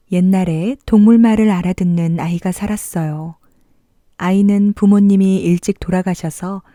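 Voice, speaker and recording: A woman reads a bedtime fairy tale as if to a toddler. Her voice is very dark and soft-edged, with gentle, expressive storytelling, recorded dry and close. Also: on the low side, no room sound. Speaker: storybook narrator. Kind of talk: bedtime fairy tale narration for young children.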